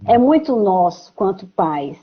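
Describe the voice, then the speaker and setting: A Brazilian psychologist explaining parenting tips calmly on a video call, with frequent pauses and restarts. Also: female voice, medium pitch, husky, muffled recording. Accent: Brazilian Portuguese. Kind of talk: casual advice chat on a video call.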